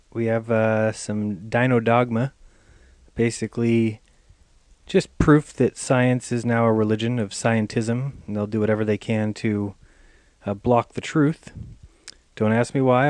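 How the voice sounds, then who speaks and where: A man's voice: medium pitch, a little mellow, no room sound. A man hosting his own channel, talking loosely and chattily to viewers with lots of "uh" fillers. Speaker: channel host. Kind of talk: casual talk to camera.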